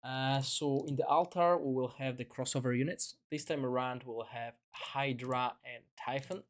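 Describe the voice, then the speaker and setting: A man's voice: mid-range voice, steady tone, normal speed. Chatty man streaming a game. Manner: chatty, rambling with fillers and self-corrections. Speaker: gaming streamer. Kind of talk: casual live-stream commentary.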